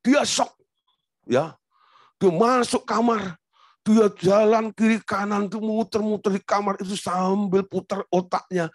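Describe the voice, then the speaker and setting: Casting: male pastor, animated and swooping pitch, storytelling sermon, dry close sound. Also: no room sound. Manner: storytelling, acts out quotes, asks rhetorical questions.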